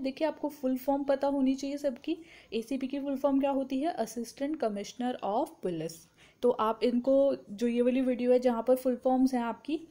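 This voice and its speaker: A young woman teaching an online exam-prep vocabulary lesson, asking questions and answering them herself, slowing down on key terms. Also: high voice, warm tone. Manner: asks and answers her own questions, slows to spell out terms.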